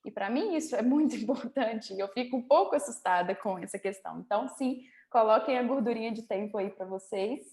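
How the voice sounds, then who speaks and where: A woman's voice: fairly high pitch, fairly quick, few pauses, a little mellow, reverberant. A woman hosting a productivity interview, explaining and advising in a chatty way over a video call. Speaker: host. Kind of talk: interview host chat.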